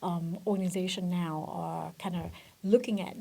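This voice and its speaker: A woman's voice: on the low side, steady tone, normal speed, vocal fry, warm tone. A middle-aged woman from Vietnam, a guest in a business interview, speaking thoughtfully with frequent fillers and restarts. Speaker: guest, benefits director. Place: corporate office.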